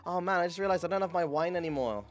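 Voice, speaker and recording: A young man chatting casually on a livestream, frank and quick to laugh, swearing when something goes wrong. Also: fairly high pitch, expressive, soft background music. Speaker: streamer host.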